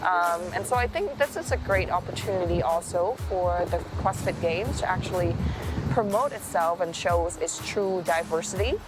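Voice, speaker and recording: A woman's voice: lowish voice, animated, normal speed, rough recording. A woman from Vietnam giving her views in an interview, in a thoughtful, loosely phrased way. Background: music.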